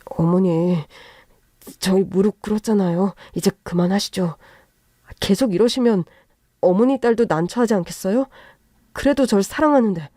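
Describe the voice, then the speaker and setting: A woman's voice: mid-range voice, moderate pace, warm tone, dry recording, studio quality, close to an everyday voice. A woman voicing a sly young husband who talks in a fawning, ingratiating, pleading way in a narrated story. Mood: wheedling. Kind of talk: narrated story with acted voices.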